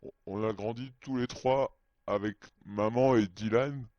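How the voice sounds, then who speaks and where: A man's voice: fairly low pitch, fairly even intonation, unhurried, mellow, dry recording. A man whose voice is disguised with a voice changer, telling a personal story in a hesitant, childlike way. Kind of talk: halting first-person storytelling. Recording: dry, muffled lo-fi sound.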